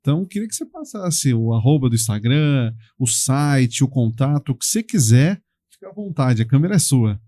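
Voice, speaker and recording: A man's voice: medium pitch, big pitch swings, moderate pace, mellow, no room sound. A man hosting a podcast interview, giving encouraging short replies and inviting his guest to speak. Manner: encouraging, brief affirmations. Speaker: podcast host.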